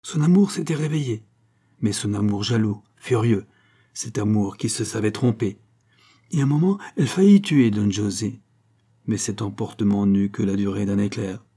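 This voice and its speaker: A man narrating a classic novel as an audiobook, in a measured, unhurried way. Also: fairly low pitch, dark tone, husky.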